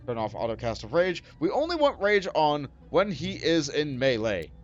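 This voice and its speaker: A man talks through his game choices in a casual, thinking-aloud way, his pitch swinging up and down. The sound is a little dull, with faint game music underneath. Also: normal speed. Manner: thinking aloud, animated, with many fillers. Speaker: let's play host.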